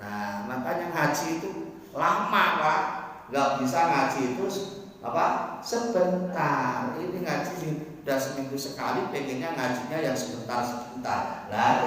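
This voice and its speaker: A man giving an informal religious lesson, unhurried, breaking into chanted recitations as examples. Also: fairly high pitch, fairly bright tone, far from the mic, a little hiss or hum. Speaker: religious teacher. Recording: echoey hall from afar.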